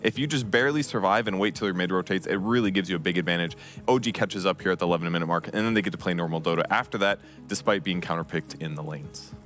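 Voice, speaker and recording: Fast-talking low-voiced man breaking down a match. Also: fairly bright tone, soft background music. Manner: quick, explanatory, many ums. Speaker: esports analyst. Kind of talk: game breakdown analysis.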